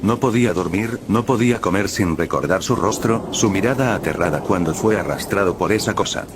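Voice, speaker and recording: Man, horror story narrator, grave and measured, very deep voice, ambient background noise.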